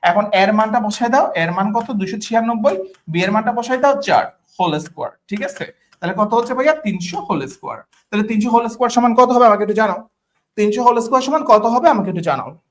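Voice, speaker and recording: A man's voice: high-pitched, expressive, fast. A man with a Bangladeshi Bengali accent teaching an online class. He talks colloquially to his students, repeats each question, checks in with them all the time, and mixes English words into his Bengali. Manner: addresses students as brothers, colloquial. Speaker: tutor.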